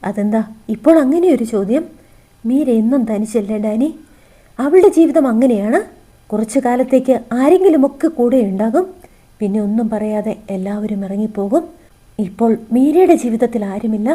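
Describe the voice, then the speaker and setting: A lonely, resigned middle-aged mother speaks softly in a storybook reading, as a woman narrator takes her part. The voice sits high but stays mellow and warm, full of quiet sorrow. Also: animated, moderate pace. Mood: sad, resigned.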